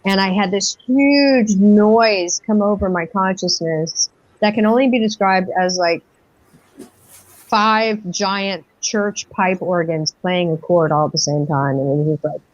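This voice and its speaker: A woman's voice: mid-range voice, unhurried, dry recording. A middle-aged woman telling her personal story as an interview guest, rambling and breathless, full of fillers and acted-out quotes. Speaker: guest experiencer. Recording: dull lo-fi dry audio.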